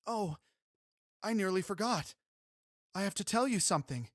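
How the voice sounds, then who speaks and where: A man's voice: high voice, expressive, normal speed, no room sound, studio quality, pitched above the performer's own voice. A man voicing Emmy Jo, an eager young cowgirl. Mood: excited.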